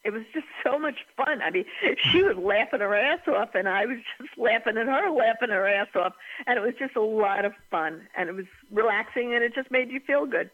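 A woman's voice: a little high, a little fast, few pauses. A middle-aged woman with a Brooklyn accent, chatting casually over the phone. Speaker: podcast guest, host's mother. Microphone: telephone call recorded through computer. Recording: tinny phone line.

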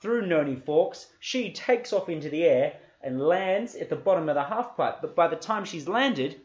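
A man co-hosting a comedy podcast, telling an improvised story in a deadpan, playful manner. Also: fairly high pitch, normal speed. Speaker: podcast co-host. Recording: echoey room, lo-fi.

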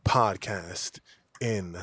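A man playing a bombastic circus ringmaster, announcing a show in grand, drawn-out phrases. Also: low-pitched, bright, forceful tone, slightly rough, dry recording, voice pushed down, heavily acted. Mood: grandiose. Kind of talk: mock circus show introduction.

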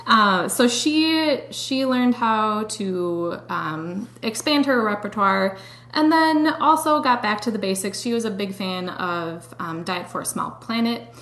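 Relaxed wry woman, dietitian guest. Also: mid-range voice, measured pace, echoey room. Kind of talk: casual interview.

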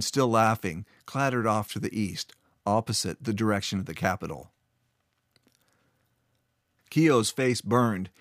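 A man with a lowish voice narrating a fantasy story in a steady, measured way. The recording is dry and close, with no room sound. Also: no echo.

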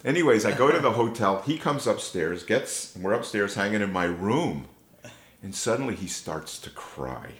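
Man, low voice, anecdotal interview guest, echoey room. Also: animated, moderate pace, fairly bright tone. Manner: rambling, anecdotal, emotional. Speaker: interview guest, bass player. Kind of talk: storytelling interview.

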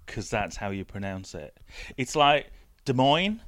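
A man's voice: mid-range voice, very animated, measured pace, a bit bright, dry recording. Man with dry teasing banter. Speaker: podcast co-host. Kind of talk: casual chat.

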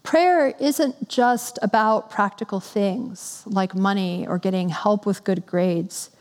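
A woman giving a sermon, reading scripture and then talking it through in a conversational, gently earnest way. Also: medium pitch, slow. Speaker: preacher. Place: church. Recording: long reverb in a hall.

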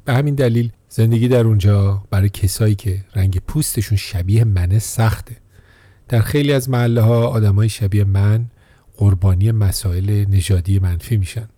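A man narrates a documentary script in a steady, measured voice. His tone is very dark and mellow, and his pitch sits low. The recording is dry and close, with no room sound. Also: no echo. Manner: steady, measured reading of quotes and events.

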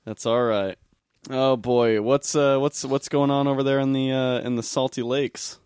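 A man's voice: mid-range voice, steady tone, moderate pace, a little mellow, clean tone, no echo. Podcast guy, mid voice, dry sound, rambles and restarts a lot. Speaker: podcast co-host. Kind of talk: casual chat.

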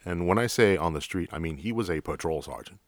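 A man's voice: low-pitched, animated, fast, no echo. A man with a New York accent, a police officer hosting a podcast, telling stories in a blunt, profane, direct way. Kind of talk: casual storytelling.

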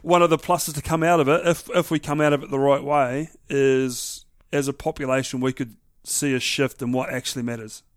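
A man's voice: medium pitch, little pitch movement, brisk, few pauses. A man with a New Zealand accent hosting a casual interview in a matey, slangy, informal way. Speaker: interviewer, show host. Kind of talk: casual chat.

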